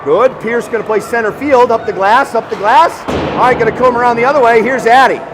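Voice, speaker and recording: High-voiced excitable male hockey commentator. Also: a little fast, background noise. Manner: excitable, shouts on scoring chances, jokes with listeners. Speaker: play-by-play commentator.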